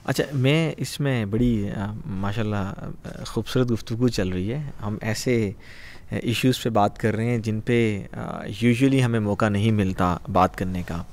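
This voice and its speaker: A man hosting a podcast, asking questions in a hesitant way with frequent pauses and English phrases mixed in. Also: lowish voice, darkish tone. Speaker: podcast host. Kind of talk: conversational podcast interview.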